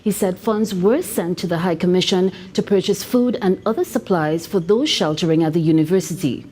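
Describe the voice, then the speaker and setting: A woman reporter reading a news report in a measured, scripted way. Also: lowish voice, darkish tone.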